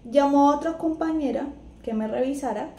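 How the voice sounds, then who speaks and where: A woman's voice: high voice, normal speed, slight background noise. A young woman with a Colombian accent, chatting casually as she tells a personal story and acts out what others said. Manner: chatty, animated retelling with acted-out quotes. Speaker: vlogger. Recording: echoey room, faint ambience.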